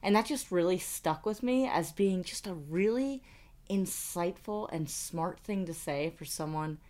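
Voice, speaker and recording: Co-hosting a podcast about personal finance, this American woman in her thirties chats casually and tells stories. Her voice is on the low side, expressive and a little mellow, with a slightly slow pace.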